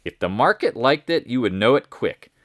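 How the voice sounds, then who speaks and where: A man's voice: mid-range voice, very animated, normal speed, fairly bright tone, no room sound, clean studio sound. A man giving a casual, rambling market recap, often restarting and correcting himself and joking along the way. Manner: rambling, self-correcting, jokey. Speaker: market commentator.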